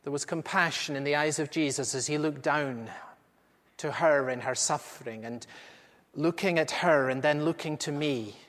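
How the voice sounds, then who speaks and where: A man's voice: on the high side, normal speed, a bit bright, lightly acted. A man performing a first-person dramatic monologue as an aged apostle recounting what he witnessed, earnest and intimate with dramatic swells. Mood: solemn. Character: aged male apostle recounting eyewitness memories. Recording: echoey hall with long reverb.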